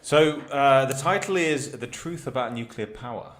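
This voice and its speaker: A man co-hosting a podcast as an energy expert, explaining things thoughtfully with lots of pauses and restarts. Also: medium pitch, fairly bright tone. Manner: hesitant, thoughtful, many ums and restarts. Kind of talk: casual podcast chat.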